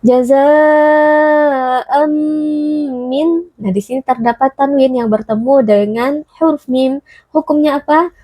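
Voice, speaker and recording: A woman's voice: sits high, no echo, muffled recording. Dry-voiced woman teaching tajwid. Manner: explains rules slowly, then recites words drawn out. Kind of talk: Quran recitation lesson.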